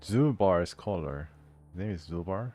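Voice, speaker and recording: A man commenting casually on a role-playing game as he plays, reading the game's text aloud and thinking out loud with an amused, chatty manner. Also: deep voice, animated, measured pace, soft background music. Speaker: gameplay host.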